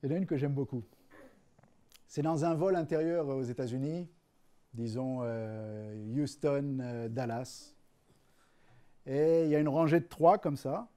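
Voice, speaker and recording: A man's voice: medium pitch, unhurried, long pauses, warm tone. A man telling jokes on stage in a stand-up show, with hesitant fillers and restarts. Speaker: comedian.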